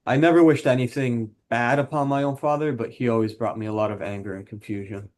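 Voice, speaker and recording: A defensive husband in couples counselling, acted by a man in a role-play. His voice sits at an ordinary male pitch. He is plain and matter-of-fact about his troubles. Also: fairly even intonation, fast, a little mellow, close to an everyday voice. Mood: subdued, reflective. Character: frustrated, defensive husband who drinks, admits anger issues.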